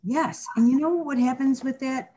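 A middle-aged woman with a high, husky voice and a warm tone speaks at a moderate pace. She's a guest in a candid personal interview, talking earnestly and reflectively, often restarting her sentences and saying "you know".

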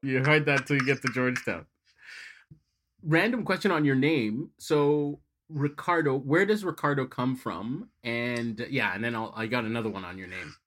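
A man hosting an interview who gives a measured introduction and then asks quick, curious questions. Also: medium pitch, a bit bright. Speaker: host.

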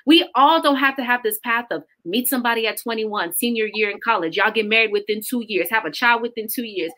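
Bright, emphatic woman guest; earnest, animated faith conversation. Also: on the high side, fairly quick. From Caribbean roots. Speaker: podcast guest. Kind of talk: casual faith talk.

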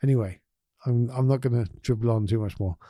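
Mellow, earnest male podcast host. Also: medium pitch, fairly quick, no room sound, studio quality. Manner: earnest, gentle, encouraging. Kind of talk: reflective motivational podcast talk.

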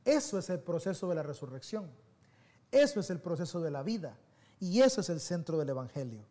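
A man giving a sermon as pastor, telling personal stories in an animated, conversational way that swings between soft and loud. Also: on the high side, fairly quick.

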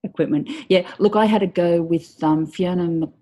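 A woman's voice: lowish voice, normal speed, mellow. A woman hosting a casual podcast interview, chatty and often calling out to her listeners as everybody. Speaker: podcast host.

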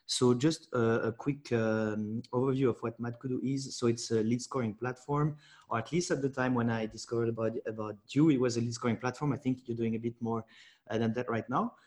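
Host, male, mid pitch; friendly interviewer, halting, lots of fillers. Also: steady tone, a little mellow. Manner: halting, filler-heavy questions. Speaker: podcast host. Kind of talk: podcast interview.

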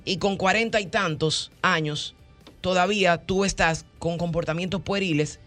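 A woman hosting a radio talk show, explaining with animated role-played examples. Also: on the low side, normal speed, soft background music. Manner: animated, acts out callers' voices, teasing.

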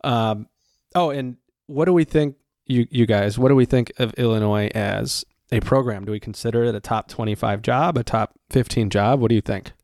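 A man's voice: mid-range voice, normal speed, a little mellow, dry recording, studio quality. A man co-hosting a casual sports podcast, rambling through coaching stats with lots of ums and restarts. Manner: rambling, stacks up stats with many fillers. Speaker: podcast co-host.

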